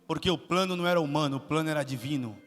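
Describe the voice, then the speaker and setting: A high-pitched man delivers a sermon in a church hall, his tone bright and sharp. He questions the congregation and swells to shouts. Long reverb and faint music linger behind him. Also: rapid-fire. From Salvador, Brazil. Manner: asks the congregation questions, builds to shouted climaxes. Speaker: guest pastor.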